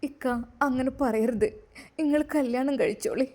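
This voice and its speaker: A heartbroken young wife speaks in a Malappuram accent, high and plaintive, as a woman reads her. She sounds meek and close to tears. The voice belongs to a homemade family story drama. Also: normal speed, warm tone. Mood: tearful. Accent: Malappuram Malayalam. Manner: plaintive and tearful. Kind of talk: amateur story drama reading.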